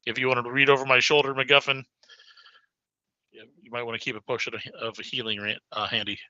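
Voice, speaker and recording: Bright, tense-voiced man playing a tabletop game. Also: medium pitch, level tone, fast, dry recording. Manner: hesitant, many fillers and restarts. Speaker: player. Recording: dry, dull lo-fi audio.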